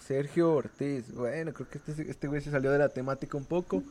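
A man's voice: fairly high pitch, fairly even intonation, a little fast, darkish tone, slight background noise. A man with a Mexican accent, cracking jokes and crude slang in a casual chat. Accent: Mexican Spanish. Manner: joking interjections, crude slang. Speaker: podcast co-host.

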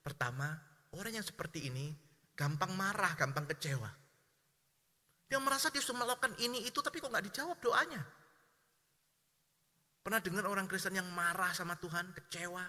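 A middle-aged man preaching a sermon, lively and animated, addressing his congregation and acting out the voices of people he describes. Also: high-pitched, a little fast, pauses often, in a large hall. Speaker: pastor.

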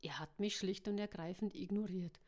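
A spirited young half-blood woman speaks her mind with lively directness, as a woman reading aloud plays her. She sounds like a storybook heroine, close to the narrator's own voice. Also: medium pitch, moderate pace, close to an everyday voice.

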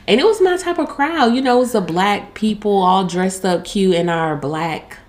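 A woman's voice: mid-range voice, expressive, moderate pace. An American woman co-hosting a podcast, chatting casually and informally with a friend in slangy, conversational speech. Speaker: podcast co-host. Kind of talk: casual chat between friends.

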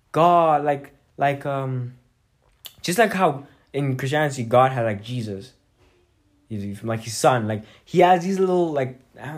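A young man with a London roadman accent talks in a casual, rambling monologue, full of street slang and swearing. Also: medium pitch. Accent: London, urban roadman style.

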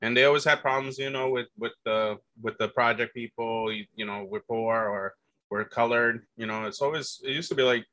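In a casual conversation, a guest shares his life story and youthful escapades, rambling with frequent fillers, restarts, and "dude." His mid-range voice has fairly even intonation and a bright, forceful tone at normal speed. The recording is dry and rough.

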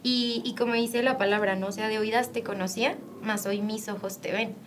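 A woman's voice: mid-range voice, steady tone, fairly quick, a little hiss or hum. A woman hosting a conversational faith talk, reflecting on her own walk with God.

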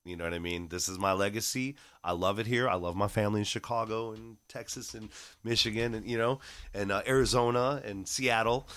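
A man talking as a guest on a podcast, animated, acting out his own quotes and swearing casually. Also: on the low side, fairly quick. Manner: animated, quotes himself in voices, swears freely.

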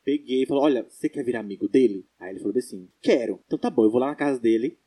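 A young man with a Brazilian Portuguese accent, telling stories as a podcast co-host in casual chat, animated and laughing. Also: mid-range voice, very fast, slightly rough.

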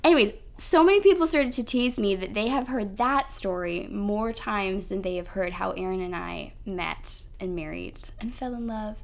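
A woman's voice: medium pitch, normal speed, creaky, hardly any pauses. A woman in her thirties hosting a podcast, chatting casually with her husband and telling their story with frequent laughs. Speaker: podcast host.

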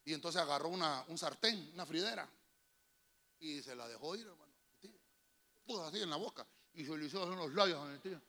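A man preaching as a pastor with a Honduran accent, telling folksy family stories and calling the listener "hermano", building to shouted preaching. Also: a little high, fairly quick. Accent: Honduran Spanish. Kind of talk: sermon with personal anecdotes. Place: church.

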